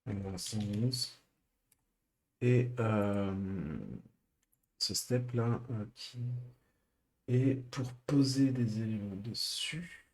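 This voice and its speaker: Man, live coding streamer; slow, hesitant, thinking aloud, fairly low voice. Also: a little mellow.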